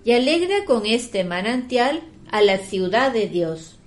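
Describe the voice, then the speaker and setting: A woman giving the responses in a liturgical prayer, solemn, measured and devotional. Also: on the high side, very animated.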